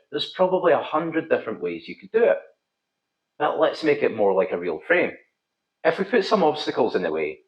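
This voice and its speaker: A middle-aged man with a thick Scottish accent, giving scripted instructional narration as a pool coach and video host. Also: mid-range voice. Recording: slightly dull, roomy echo.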